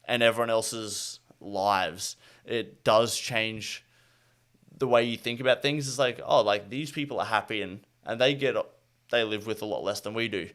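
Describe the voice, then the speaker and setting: A man's voice: on the low side, moderate pace, fairly bright tone. A man co-hosting a podcast, speaking in a reflective, thoughtful way. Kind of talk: casual podcast chat.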